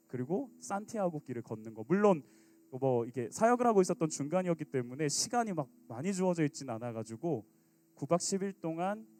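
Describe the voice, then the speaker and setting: A man in his thirties preaching a youth sermon as pastor, acting out sulky teens and quoted lines with big swings in his voice. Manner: animated, acts out teen sulking and quotes with big pitch jumps.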